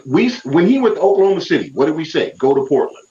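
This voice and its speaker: A man's voice: fairly high pitch, sing-song, fast talker, muffled recording, a crowd in the background. A man on a sports talk panel, arguing his point emphatically over a remote call. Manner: emphatic, argumentative.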